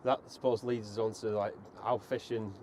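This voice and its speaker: Low, matey male interviewer. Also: little pitch movement, a little fast, darkish tone, a little hiss or hum. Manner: friendly and informal, calls the guest "mate". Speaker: host. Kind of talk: casual interview.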